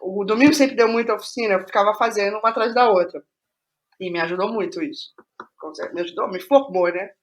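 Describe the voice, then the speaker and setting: A middle-aged woman from Rio de Janeiro state, Brazil, tells her story casually as an interview guest, speaking with a Rio accent at medium pitch. She halts and repeats phrases for emphasis.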